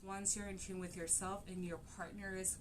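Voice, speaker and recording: A woman's voice: medium pitch, level tone, normal speed, noisy background. A young woman from Cameroon, a relationship coach talking casually and easily as a guest, laughing often. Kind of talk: casual interview chat.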